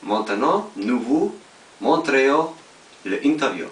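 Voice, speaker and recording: Man, mock news anchor, stiff halting read, distant in an echoey room. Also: mid-range voice, expressive. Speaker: news anchor in a parody newscast. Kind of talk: scripted mock newscast. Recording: echoey hall, far from mic, faint hiss.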